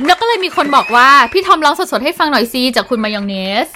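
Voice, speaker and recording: A woman's voice: high voice, sing-song, fast, noisy background. A woman hosting a radio interview, chatty and teasing, reading out fan questions. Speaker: radio host.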